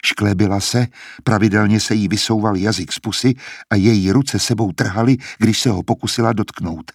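Husky, low-voiced male audiobook narrator, measured, dry close recording. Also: no echo. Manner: calm, measured storytelling. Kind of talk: scripted narration.

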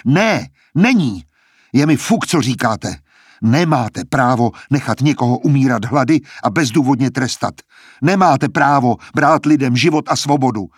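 A man reading a defiant, angry young student who argues in raised, heated retorts with a husky voice. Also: medium pitch, lively intonation, hardly any pauses, a little mellow, no room sound, studio quality.

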